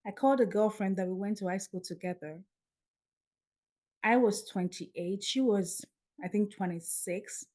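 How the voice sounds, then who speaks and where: A Nigerian woman in her fifties, a podcast guest telling her story in a lively way and acting out the dialogue. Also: mid-range voice, measured pace.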